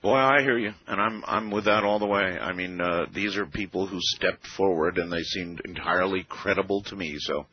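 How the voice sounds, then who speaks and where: A man hosting a late-night call-in radio show with a smooth radio-host delivery, relaxed and conversational, pausing on "uh" now and then. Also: sits low. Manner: relaxed, conversational, with frequent "uh" pauses. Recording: muffled radio broadcast with faint music.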